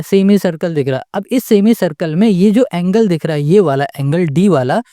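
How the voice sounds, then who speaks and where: Mellow-voiced patient maths tutor. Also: mid-range voice, no echo, studio quality. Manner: asks the class rhetorical questions and checks in with "okay?" often; patient and repetitive, restating each step. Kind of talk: step-by-step maths lesson.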